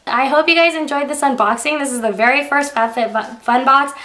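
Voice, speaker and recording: A woman's voice: fairly high pitch, a bit bright. A young woman beauty vlogger with a sick, strained voice, chatting casually through an unboxing with lots of "like" and "um".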